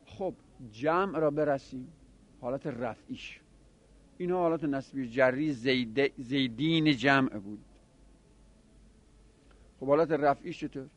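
A man with a mid-range voice, recorded with dull audio, teaches a grammar class. He lays out the rules step by step and fires quick questions at his students.

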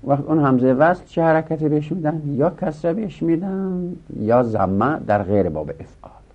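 Low-voiced man teaching grammar rules. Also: creaky, breathy edge. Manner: explains step by step, repeats rules, asks and answers own questions. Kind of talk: classroom lecture. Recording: dull lo-fi recording.

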